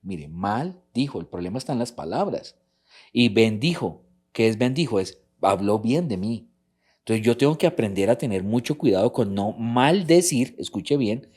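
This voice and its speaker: A man's voice: medium pitch, a little mellow. A middle-aged man from a church couples ministry, teaching and repeating his key points. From Colombia. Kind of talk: church talk on marriage.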